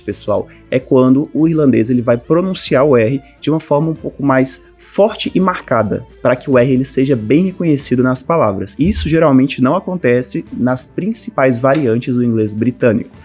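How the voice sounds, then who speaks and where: Brazilian male teacher, lively and direct to camera, slightly husky voice, faint music bed. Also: mid-range voice, moderate pace. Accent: Brazilian Portuguese. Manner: lively, addresses viewers directly as a group. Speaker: English teacher. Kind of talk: online language lesson.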